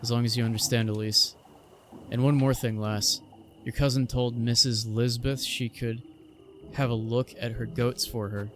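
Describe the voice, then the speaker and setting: A man's voice: medium pitch, little pitch movement, moderate pace, slight background noise, lightly acted. A man voicing a scolding, indignant old village woman while reading video game dialogue aloud. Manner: nagging, indignant.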